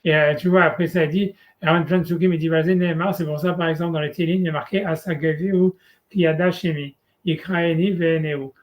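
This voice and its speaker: A man's voice: a little high, steady tone, fairly quick, dull audio. Casual, hesitant male rabbi teaching. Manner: casual, hesitant, many fillers and "tu vois"; mixes Hebrew terms into French. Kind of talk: informal one-on-one Torah lesson.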